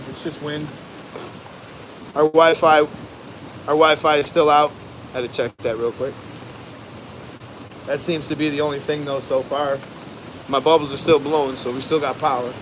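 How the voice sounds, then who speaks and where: American man chatting over loud windy noise. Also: fairly high pitch. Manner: laid-back, rambling, slangy. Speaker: livestream host, barber. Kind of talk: casual livestream chat. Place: outdoors at home during a windy storm. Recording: noisy outdoors, loud wind and ambience. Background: wind and rushing water ambience.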